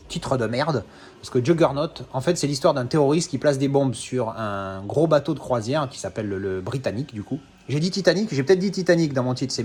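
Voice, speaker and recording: A man's voice: medium pitch, a little mellow. A man in his thirties, from France, talking casually and rambling about his film collection, with many hesitations and self-corrections. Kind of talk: casual unscripted video talk.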